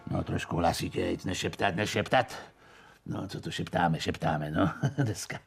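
A man's voice: a little high, big pitch swings, a bit bright. A man playing a hard-of-hearing, complaining man who keeps mishearing others in a comedy sketch. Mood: suspicious.

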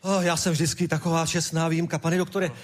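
A man's voice: a little high, little pitch movement, close to an everyday voice. Man playing a stammering claustrophobic patient. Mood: pleading. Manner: stammering, hesitant, fills pauses with "eh". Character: anxious claustrophobic man patient, pleading for space. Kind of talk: improvised comedy sketch.

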